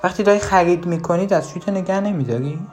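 A parenting advisor giving direct advice to the listener, asking rhetorical questions and shifting between lively and low, emphatic tones. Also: faint music behind.

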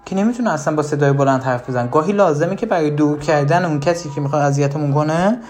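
A parenting advisor giving direct advice to the listener, asking rhetorical questions and shifting between lively and low, emphatic tones. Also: soft background music.

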